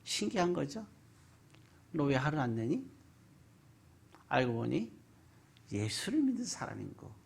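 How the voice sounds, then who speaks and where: Adult voice Korean-language pastor, sermon delivery, husky tone, very lively pitch, rhetorical questions. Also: a little slow, pauses often. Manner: animated preaching with rhetorical questions, swinging between loud and hushed. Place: church sanctuary.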